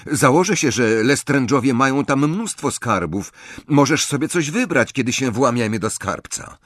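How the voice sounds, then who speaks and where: A man voicing a blunt, excitable teenage boy in an audiobook reading, with eager, blurting speech. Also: mid-range voice, moderate pace, dry recording, pitched above the performer's own voice.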